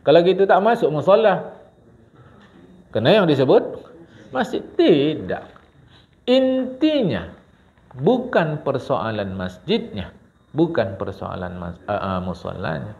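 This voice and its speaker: A man teaching a mosque congregation, talking in an animated way with a lilt and often calling out to his listeners. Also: mid-range voice, slow, vocal fry, long pauses. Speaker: religious teacher. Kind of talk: mosque study-circle sermon. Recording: dull lo-fi recording.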